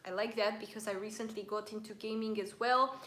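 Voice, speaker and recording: A woman's voice: medium pitch, steady tone, brisk, bright, forceful tone, reverberant. A woman hosting a casual live stream, chatting and reading viewer comments aloud while she eats.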